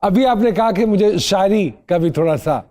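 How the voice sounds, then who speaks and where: A man's voice: sits high, expressive, normal speed, warm tone. A male talk-show host interviewing his guest, eager and admiring, with lots of exclamations and bits of English mixed in.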